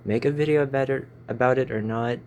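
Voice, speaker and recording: A young Filipino man in his 20s talks to his channel in a casual, rambling vlog, tripping over his words, captured on a phone in a small stuffy room. He speaks quickly in a steady, mid-range, darkish voice, with a bit of hiss or hum.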